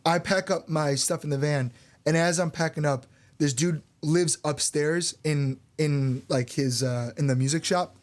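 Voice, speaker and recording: Young male frontman, slightly raised pitch; casual, swear-heavy podcast storyteller. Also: a little slow. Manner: loose and candid, swears freely, lots of "like". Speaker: band frontman and podcast co-host.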